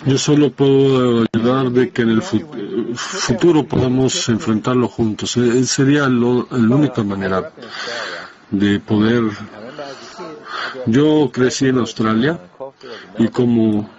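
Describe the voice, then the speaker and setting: A man giving a spoken testimony in a halting, hesitant way, breaking off and restarting his sentences. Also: medium pitch. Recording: dull lo-fi sound.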